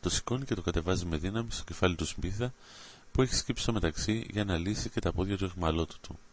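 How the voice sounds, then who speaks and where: In a very low voice, a male narrator reads an adventure story aloud, keeping his delivery steady and dramatic.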